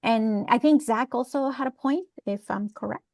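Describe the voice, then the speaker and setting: A woman's voice: on the high side, normal speed, a little mellow, no echo, clean studio sound. A woman from El Salvador leading an online class discussion, talking in a chatty way with many fillers and restarts. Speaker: class leader.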